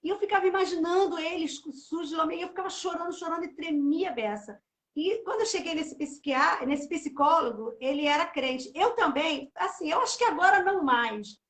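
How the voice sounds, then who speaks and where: In an echoey room, a middle-aged woman with a very high, lively voice tells her story briskly and with fairly bright tone. Hosting a live church chat series, she gives an emotional, talkative testimony packed with "né".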